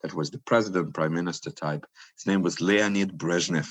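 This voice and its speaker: A man from the Soviet Union, an author and scholar, telling stories in an animated, pausing way. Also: deep voice. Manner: animated, pausing storyteller with fillers. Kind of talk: anecdotal conversational storytelling.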